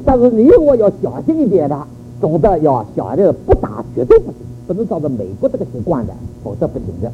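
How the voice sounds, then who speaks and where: Older male church speaker, high and animated, storytelling sermon, narrow phone-quality recording. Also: quick pace, faint music behind. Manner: animated storytelling with rhetorical questions. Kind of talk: sermon on child-rearing. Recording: phone-like narrow audio with faint noise.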